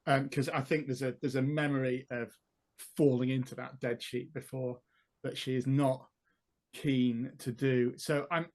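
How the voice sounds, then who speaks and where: A man with a mid-range, fairly flat voice plays a tabletop role-playing game, unhurriedly thinking aloud as he builds the scene piece by piece in his storytelling.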